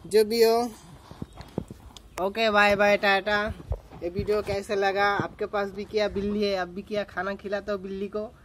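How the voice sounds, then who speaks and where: Casual male vlogger, slow and plain, phone mic outdoors. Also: sits high, level tone, a bit bright, slight background noise. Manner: slow, simple talk, coaxing a cat. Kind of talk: casual vlog. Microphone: phone held while filming.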